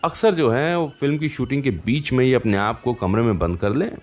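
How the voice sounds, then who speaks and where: Over soft background music, a radio presenter talks to listeners in a fairly quick, slightly mellow medium-pitched voice. Between songs he tells anecdotes in a chatty way, often wandering into asides.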